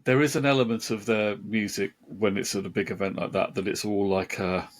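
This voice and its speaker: A man's voice: fairly low pitch, steady tone, fairly quick. A man co-hosting a casual music podcast, speaking hesitantly and searching for words with many restarts. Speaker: podcast co-host.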